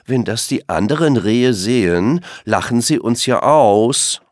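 A man voicing an arrogant young deer in a storybook, scornful and drawn-out. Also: mid-range voice, animated, darkish tone, dry recording, studio quality, voice pushed up, close to an everyday voice.

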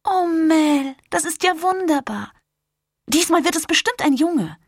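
A woman's voice: sing-song, moderate pace, breathy edge, dry recording, studio quality, exaggerated voice. A woman putting on a squealing young friend. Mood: delighted. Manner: squealing, high and breathless.

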